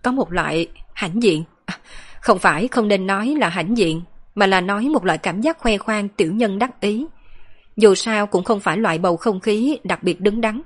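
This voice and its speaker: A woman voicing a lively, playful young girl in an audiobook, chattering and teasing. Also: mid-range voice, moderate pace, close to an everyday voice. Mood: musing.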